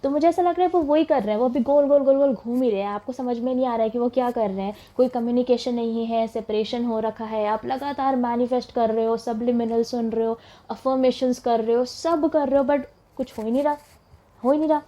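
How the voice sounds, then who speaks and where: A woman's voice: fairly high pitch, a little fast, mellow. A young woman giving a casual tarot reading, chatting and mixing English phrases into her talk. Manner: chatty, mixes English words into Hindi, laughs as she talks. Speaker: tarot reader.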